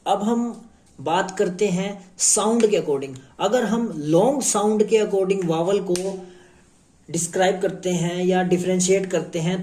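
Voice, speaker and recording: A man with a Haryanvi Hindi accent teaching a shorthand class, explaining slowly and repeating himself with many pauses. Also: sits high, mellow. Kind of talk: classroom lesson explaining strokes on a board. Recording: echoey room.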